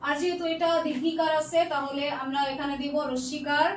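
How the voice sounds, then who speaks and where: A woman's voice: sits high, fairly even intonation, a little fast. A young woman teaching a live online class. She reads out student comments and patiently checks their answers one by one, dropping in English words. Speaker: online tutor. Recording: echoey room, distant mic, faint noise.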